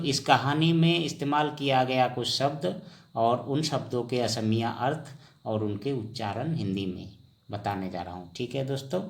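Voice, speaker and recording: A man teaching vocabulary on a screen-recorded lesson, repeating each word and asking and answering his own questions. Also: medium pitch. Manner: slow, repetitive drilling, asks and answers his own questions. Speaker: language teacher.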